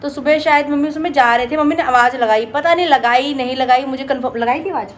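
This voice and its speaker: A woman hosting a family vlog from home, with a fairly high voice. She tells her story in a chatty, animated way full of quick asides. A faint hum of noise sits behind her. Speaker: vlogger, host of a family daily vlog. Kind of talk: casual storytelling to camera.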